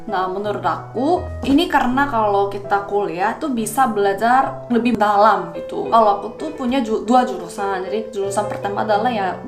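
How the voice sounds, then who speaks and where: A woman's voice: mid-range voice, moderate pace. A young woman from South Korea, a native Korean speaker with a Korean accent, hosting a casual explainer vlog and answering questions. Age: young adult. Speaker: video host. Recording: roomy echo, music behind.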